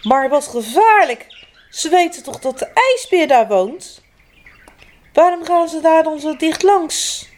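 Woman putting on a shrill fretful old granny. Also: animated, a little slow, darkish tone. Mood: worried. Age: older. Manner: shrill, gasping exclamations. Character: fretful excitable grandmother.

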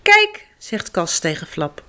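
A woman's voice: mid-range voice, gravelly. A woman reading a children's picture book aloud, giving the characters their own voices. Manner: lively, slow storytelling with voices for the characters. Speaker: storybook reader.

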